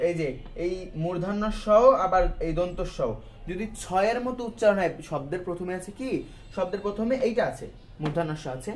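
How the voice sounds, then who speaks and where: There's a little hiss or hum behind this man's high, darkish voice as he teaches a grammar lesson. He works through it step by step, answers his own questions, and talks colloquially with English words mixed in.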